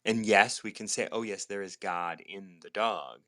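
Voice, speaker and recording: A man with a fairly low voice hosts a reflective spiritual conversation. He talks in an earnest, musing way and circles back over his phrases as he works through an idea. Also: normal speed, bright, forceful tone. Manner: earnest, musing, repeats phrases while thinking. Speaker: host.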